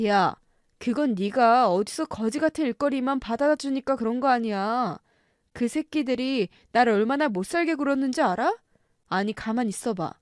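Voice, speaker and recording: A woman's voice: a little high, lively intonation, normal speed, no echo, studio quality, natural voice. A woman voicing a drunk, violent middle-aged husband who talks harshly and scornfully in a story radio drama. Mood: drunken rage.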